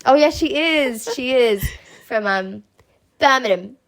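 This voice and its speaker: A woman's voice: high voice, expressive, takes it slowly. Bubbly woman podcast host. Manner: bubbly, chatty, laughs often. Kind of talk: casual chat.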